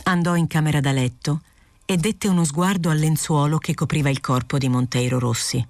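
A woman's voice: deep voice, a little fast, a little mellow, no echo. Woman reading an audiobook, dry. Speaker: audiobook reader. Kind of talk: literary audiobook narration.

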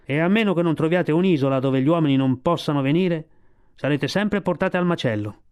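A man voicing a wise old male sea lion in a storybook reading, giving slow, measured advice. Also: on the high side, a little mellow, smooth, natural voice. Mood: advising.

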